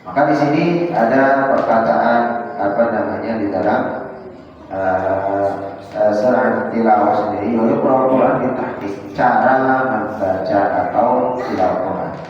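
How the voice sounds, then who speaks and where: A man teaching Quran recitation rules in a prayer room, explaining reading mistakes and slowly chanting Arabic examples, and pausing on fillers while he thinks. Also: lowish voice, faint music behind. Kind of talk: tajwid lesson to a congregation. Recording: distant, dull and echoey in a hall.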